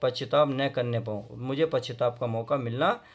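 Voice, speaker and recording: A man teaching a Hindi poem to school students, reading verse lines slowly and then explaining them in plain, friendly talk. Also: medium pitch. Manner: addresses students fondly, often asks if they understood.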